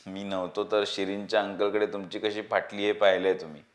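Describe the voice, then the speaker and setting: A man's voice: lowish voice, little pitch movement, fairly quick, lightly acted. Mint, a cocky young schemer, as a male reader puts him on. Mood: confident. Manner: self-assured, lecturing.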